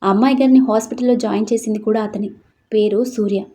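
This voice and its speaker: A woman's voice: medium pitch, steady tone, quick pace, warm tone, close to an everyday voice. A woman voicing a respectful male informer reporting to his boss in a storybook reading. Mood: deferential.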